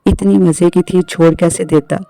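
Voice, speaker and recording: A man voicing a gentle teasing young jinn. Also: sits high, fairly even intonation, normal speed, creaky, no echo. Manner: soft, playful, reassuring.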